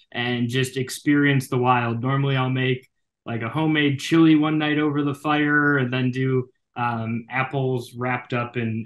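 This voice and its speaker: A young adult man, a baseball broadcaster, chatting as a podcast guest with lots of fillers and restarts. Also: medium pitch. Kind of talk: casual interview chat.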